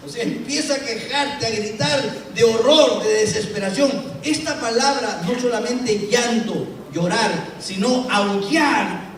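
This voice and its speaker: A male pastor preaching a sermon dramatically, with rhetorical questions, swinging between loud and soft. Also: high voice, slight background noise. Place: church sanctuary. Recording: echoey church room from far off.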